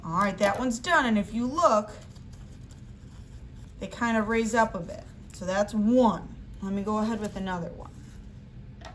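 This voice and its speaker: A woman teaching young children a craft step by step, speaking to them directly in simple instructions. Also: medium pitch. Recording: clear background noise.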